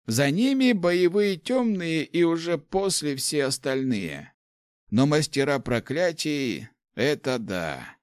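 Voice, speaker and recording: A man's voice: a little high, sing-song, takes it slowly, clear, resonant tone, no echo, clean studio sound, voice pushed up. A man voicing a grumpy, gloomy old male mage who grumbles his lines in an audiobook. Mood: grumbling. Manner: grumbling, growling. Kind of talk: audiobook character voice.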